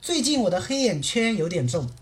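A woman runs a lesson on a livestream and keeps checking in with her viewers. She talks fast, and her pitch swings widely. Her voice sits at a medium height. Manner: lively, asks many rhetorical checks. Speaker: Korean language teacher.

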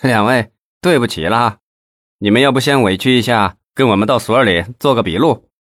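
A man's voice: mid-range voice, normal speed, fairly bright tone, no room sound, clean studio sound, lightly acted. A man voicing a drunk, crude, bullying male thug in a storybook reading. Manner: swaggering, mocking, crude.

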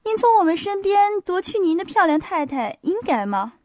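Lady putting on a sugary flirty little princess, high voice, dry sound. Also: big pitch swings, normal speed, darkish tone, no room sound. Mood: coquettish.

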